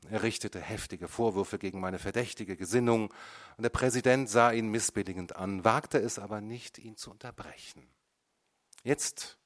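A man reading a novel aloud in measured, dramatic first-person narration. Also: lowish voice. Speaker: audiobook reader. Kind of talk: scripted literary narration.

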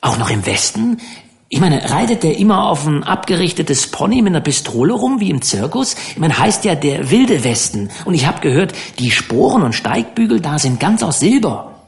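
A man voicing a curious, blunt teenage fisher boy who talks quickly and colloquially in an audiobook. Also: a little high, big pitch swings, creaky, voice pushed up. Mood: eager.

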